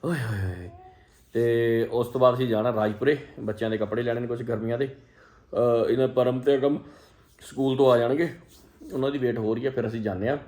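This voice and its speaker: A man's voice: medium pitch, steady tone, a little fast, darkish tone. A man with an Indian Punjabi accent giving casual, teasing vlog commentary, with playful exclamations, as he hosts. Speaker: family vlogger filming and hosting.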